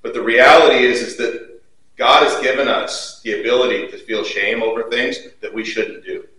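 A middle-aged male pastor preaching a sermon in a church, earnest and emphatic, moving between loud stresses and quiet low passages. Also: steady tone, normal speed, slight background noise. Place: church sanctuary. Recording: very echoey hall, mic at a distance.

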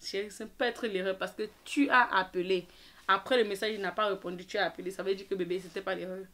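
A young adult woman vlogger telling a personal story in an animated, quick way, acting out the dialogue. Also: mid-range voice. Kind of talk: storytime vlog.

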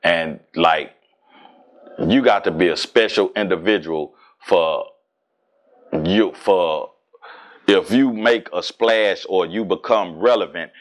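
A man in his forties from Houston with a Southern accent, talking casually and profanely as an interview guest, animated and streetwise. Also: sits low, slow, long pauses. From Houston, Texas. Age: 40s. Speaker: rapper and guest.

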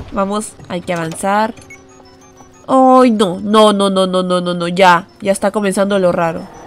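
A woman's voice: mid-range voice, fairly even intonation, unhurried, faint music behind. A young woman streaming a horror game, chatting nervously to viewers and breaking into frightened shrieks. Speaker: gaming streamer.

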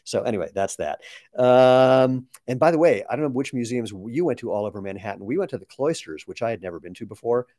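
This founder, a man in his sixties, answers viewer questions casually on a live stream, explaining things with asides. His mid-pitched voice is mellow and lively in intonation, and he moves at a fast clip. The sound is dry.

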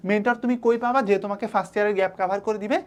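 A woman's voice: medium pitch, steady tone, racing, a little mellow. A young woman tutor giving study advice, coaxing and asking and answering her own questions. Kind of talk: online study-advice lesson.

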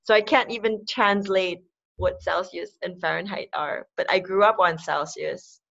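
A Filipino woman in her forties hosts a casual webinar from a dim room at home, laughing often. Her voice is on the low side, steady and fairly bright with vocal fry, at a moderate pace, and her laptop webcam mic makes the call audio slightly muffled.

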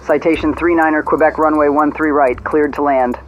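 A man playing an air traffic controller, issuing crisp clearances and commands heard over a pilot's headset radio. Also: a little high, fairly even intonation, fairly quick, dull audio, soft background music. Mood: businesslike. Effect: controller's voice heard over cockpit headset radio. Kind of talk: clipped radio phraseology in a reenactment.

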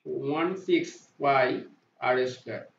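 A welding inspection instructor slowly works through weld math on a whiteboard in a gravelly, mid-range voice, asking himself questions, answering them, and repeating points. It's a voice-over to screen drawing with a roomy, dull, lo-fi sound.

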